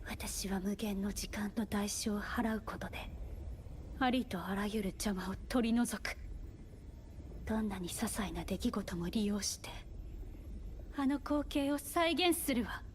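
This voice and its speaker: A woman's voice: medium pitch, a little fast, a little hiss or hum, close to an everyday voice. An actress playing a composed, haughty, scheming woman in a fantasy anime game, speaking in a cool, formal way. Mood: cool, calculating. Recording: game music under the voice. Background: game music.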